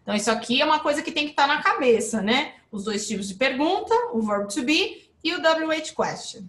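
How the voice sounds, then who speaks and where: Lively woman teacher, high and animated, live online lesson, echoey room. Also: brisk. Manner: lively, explains with rising and falling emphasis, checks in with viewers. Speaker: English teacher.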